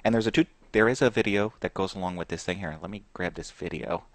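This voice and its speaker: Deep-voiced casual podcast host man. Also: fast, no room sound. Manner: rambling, many fillers and restarts. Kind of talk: casual chat.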